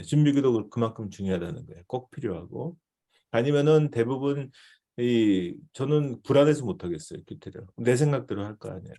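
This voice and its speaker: A man's voice: lowish voice, vocal fry, mellow, husky. A male missionary teaching a devotional seminar in a conversational way, often checking in with his listeners.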